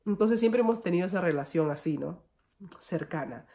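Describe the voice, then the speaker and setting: A woman's voice: on the low side, expressive, moderate pace, warm tone. A young Peruvian woman with a Peruvian Spanish accent tells a personal story in a storytime vlog, chatting to her viewers as friends. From Peru. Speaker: vlogger.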